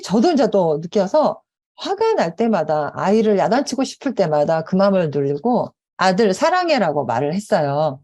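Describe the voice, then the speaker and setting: A middle-aged woman speaking at a conference, telling personal stories in a lively way and acting out quotes. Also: mid-range voice. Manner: animated storytelling with acted quotes. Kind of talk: conference talk. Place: conference hall.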